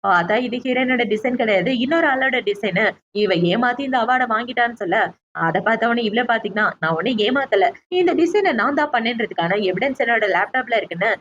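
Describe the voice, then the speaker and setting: Fast-talking woman recapping a drama. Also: on the high side, expressive, a bit bright, lo-fi sound. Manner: retells scenes quickly, voicing quoted lines herself.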